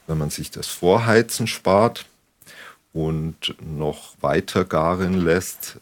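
A man with a low voice explains practical things as a consultant would on a home visit. His has a slight colouring, and he talks in a conversational, instructive way. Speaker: energy consultant. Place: on location in a home kitchen.

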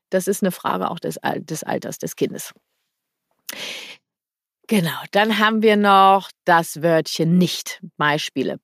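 A woman's voice: on the low side, dry recording, clean studio sound. A woman hosting a parenting podcast, giving direct, practical advice in an informal way and offering example phrases to say to children. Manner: informal, blunt at times.

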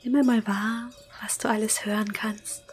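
A woman whispering a slow, calm guided meditation. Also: mid-range voice, faint music behind.

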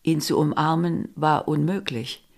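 A woman reading a novel excerpt aloud in measured, intimate first-person narration. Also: sits low. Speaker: reader.

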